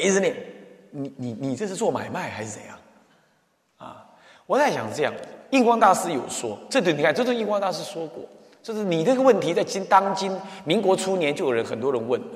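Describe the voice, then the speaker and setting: A man giving a Buddhist dharma talk as temple abbot, animated, acting out little scenes and sometimes dropping to soft murmured chanting. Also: fairly high pitch. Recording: echoey hall with long reverb.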